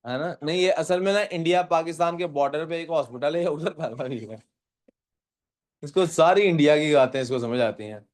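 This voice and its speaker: Guy teaching physics in a classroom, kinda high voice, reads english then explains in urdu, keeps asking the kids stuff. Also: moderate pace. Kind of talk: classroom lecture.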